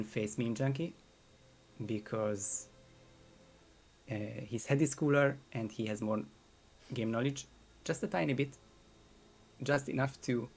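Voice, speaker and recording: A man co-hosting a live stream, weighing up match predictions out loud in a casual, analytical way, his voice worn from hours of talking. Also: medium pitch. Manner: analytical, thinks aloud with restarts. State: voice strained from long talking. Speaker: co-host and commentator. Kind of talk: casual esports prediction chat.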